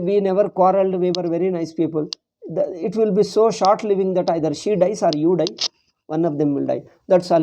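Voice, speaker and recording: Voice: medium pitch, warm tone. A spiritual teacher with a South Indian accent giving an informal discourse on scripture, repeating phrases and posing rhetorical questions. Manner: repetitive, rhetorical questions, acts out imagined complaints.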